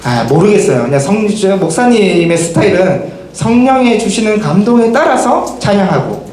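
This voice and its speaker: Animated male pastor in an echoey hall. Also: high voice, normal speed. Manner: lively, asks the youth many direct questions and acts out quotes. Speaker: pastor preaching to a middle school summer Bible school. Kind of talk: sermon to teenagers. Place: church worship hall. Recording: very echoey hall, faint noise.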